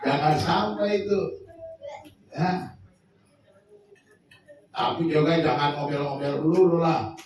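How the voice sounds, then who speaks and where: A man's voice: on the high side, slow pace, pauses often, a little mellow, slight background noise. A man preaching a sermon, joking and acting out little everyday scenes. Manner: humorous, acts out little scenes in voices. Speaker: pastor. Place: large church hall. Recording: echoey church hall, mic at a distance.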